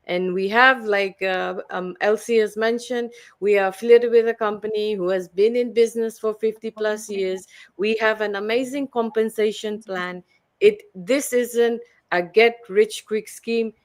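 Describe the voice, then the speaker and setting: A woman's voice: medium pitch, steady tone, a little slow. A woman, a guest mentor telling her story earnestly and persuasively, with frequent fillers and restarts. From Fiji. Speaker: guest, online business mentor. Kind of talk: promotional personal-story talk.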